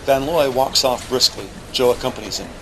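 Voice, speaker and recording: A mid-range male voice, slightly fast, reads scripted present-tense narration as the narrator of an audio drama. A music bed sits under his voice, and the background is noisy.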